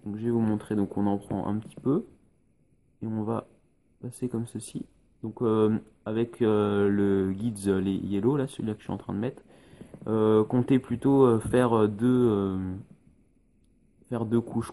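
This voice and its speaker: Man, mellow-toned hobby painting tutor, halting and full of fillers, phone recording with faint hiss. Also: lowish voice, steady tone. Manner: hesitant, many fillers, explains step by step.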